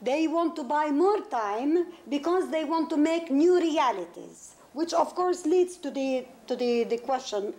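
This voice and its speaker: A woman's voice: sits high, lively intonation, a little slow, few pauses, darkish tone. A woman from Palestine, speaking English as a second language, answers interview questions earnestly, restarting and repeating words as she goes. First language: Arabic. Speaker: interviewee, novelist. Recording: 1991 interview tape with faint noise.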